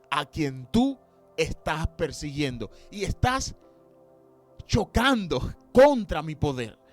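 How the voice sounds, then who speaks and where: A man from Cuba, preaching an impassioned sermon that swings from loud to hushed, with slow, drawn-out dramatic quotes. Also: a little high. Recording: faint music behind.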